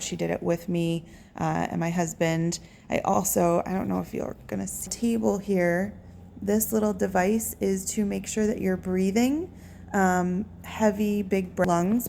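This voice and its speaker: A woman giving a casual vlog update, talking haltingly and pausing to search for words. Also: fairly low pitch, vocal fry, dark tone. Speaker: patient recording a recovery vlog. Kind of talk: casual update talk to camera. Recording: faint background room noise.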